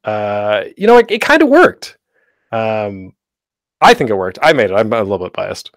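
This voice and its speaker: Teaching audio drama production as a panel host, this man rambles casually and keeps breaking into his own sentences. His fairly low voice is very animated at a normal speed, captured in a close, dry home recording for an online panel.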